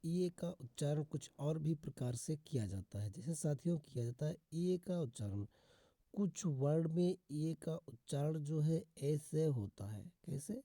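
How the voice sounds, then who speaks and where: A man's voice: fairly high pitch, animated, warm tone, no room sound. A man teaching English pronunciation in Hindi, repeating rules and drawing out example words. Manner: slow, repetitive teaching with drawn-out example words; addresses viewers as "friends" repeatedly. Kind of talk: Hindi-language phonics lesson.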